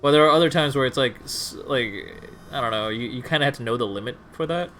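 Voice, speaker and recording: Male stream host, mid pitch, easygoing teasing banter, faint background music. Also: fast talker. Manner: relaxed, teasing, laughs easily. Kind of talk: casual stream chat.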